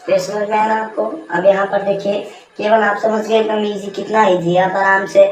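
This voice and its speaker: A woman's voice: mid-range voice, level tone, moderate pace, muffled recording. Woman going over grammar at a whiteboard, repeats stuff, quizzes herself, echoey room, faint hiss. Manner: repeats key terms, asks and answers own questions. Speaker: teacher. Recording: echoey room, mic far off, faint noise.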